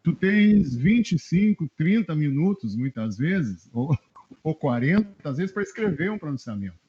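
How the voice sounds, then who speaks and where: A middle-aged man from southern Brazil, a journalist guest telling animated anecdotes in a casual interview and chuckling often. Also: on the high side, normal speed, slight background noise. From Rio Grande do Sul, Brazil. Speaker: journalist guest, press adviser. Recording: dull lo-fi web radio audio.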